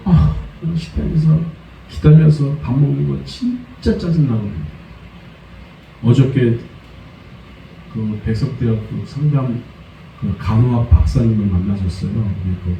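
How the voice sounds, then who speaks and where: A pastor preaching a Sunday sermon, lively, slipping into high acted voices for quoted complaints. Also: male voice, gravelly, slight background noise. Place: church sanctuary. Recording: dull, echoey church sound from a distance.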